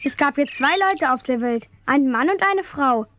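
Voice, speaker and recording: A woman's voice: high-pitched, lively intonation, normal speed, fairly bright tone, a little hiss or hum, voice pushed up. A woman voicing an eager child who chimes in to retell the story.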